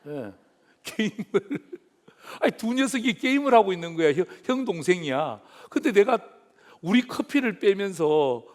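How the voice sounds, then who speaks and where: A man's voice: high voice, very animated, moderate pace. A male pastor giving a sermon, telling a story with animation and putting questions to the congregation.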